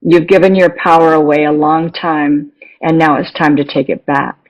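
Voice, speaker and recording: A woman's voice: sits low, fairly even intonation, moderate pace, rough recording. A middle-aged woman speaking as an interview guest, earnest and encouraging, often restarting her sentences. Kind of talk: casual interview talk.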